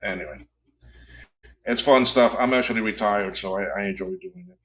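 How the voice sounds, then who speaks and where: A man in his fifties chats casually on a livestream while repairing old computers, speaking at a normal speed in a fairly low, slightly bright voice. He rambles as he tinkers and keeps correcting himself.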